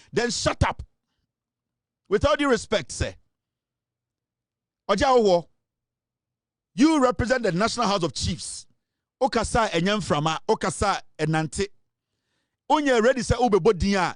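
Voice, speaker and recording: Forceful high-voiced Ghanaian man. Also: no echo, studio quality. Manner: forceful, insistent, mixes English and Twi. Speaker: political commentator. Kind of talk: impassioned monologue.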